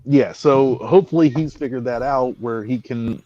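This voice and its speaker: A man's voice: medium pitch, moderate pace, dark tone, muffled recording. A man co-hosting a podcast, rambling in casual chat and often trailing off. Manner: rambling, trails off, drops his voice. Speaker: podcast co-host.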